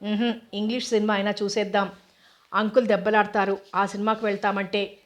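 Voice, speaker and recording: A woman's voice: medium pitch, level tone, a little fast, close to an everyday voice. A woman reading the lines of a pampered teenage girl who coaxes and wheedles. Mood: coaxing. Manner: wheedling, coaxing.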